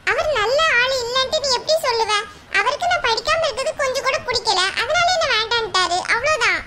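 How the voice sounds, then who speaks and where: A woman voicing a gentle older sister in a cartoon, soft and pleading. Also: very high-pitched, animated, fairly quick, heavy background noise. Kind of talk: cartoon voice acting.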